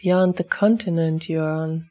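A woman teaching an energy healing exercise for dog owners, guiding gently and repeating chant-like clearing phrases. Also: deep voice, unhurried. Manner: calm, repetitive incantation-like clearing phrases.

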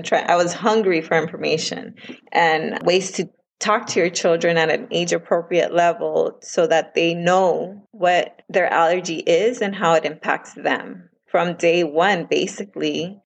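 A woman's voice: on the low side, gravelly, rough recording. A woman in her thirties, a parent talking earnestly and emotionally in a casual interview. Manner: earnest and emotional, quoting others in lively voices. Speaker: guest, parent of a child with food allergies.

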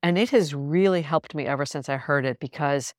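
A woman's voice: low voice, fairly quick, dry recording, clean studio sound. A woman hosting a podcast, telling a personal story in a candid, reflective, conversational way. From lives in New York City. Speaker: podcast host.

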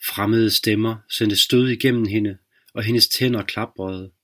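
A man hosting a podcast, reading a dark short story aloud in a slow, measured narration. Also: on the low side, steady tone. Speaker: podcast host and reader.

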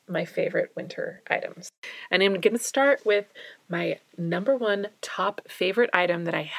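A woman's voice: medium pitch, vocal fry, no room sound. Chatty young woman podcasting from a closet. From Alaska. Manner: chatty, self-deprecating, laughs often. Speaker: podcast host. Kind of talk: casual solo podcast monologue. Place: small closet at home.

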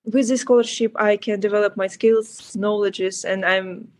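A young Ukrainian student, appearing as a guest on an interview podcast, speaks careful, earnest English with a Ukrainian accent and occasional restarts. Her medium-pitched voice keeps a fairly even intonation at a normal speed.

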